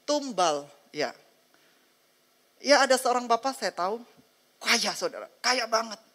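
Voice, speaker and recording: A woman's voice: fairly high pitch, animated, unhurried, a bit bright. A woman pastor preaching a sermon dramatically, acting out dialogues and calling on the congregation to say amen.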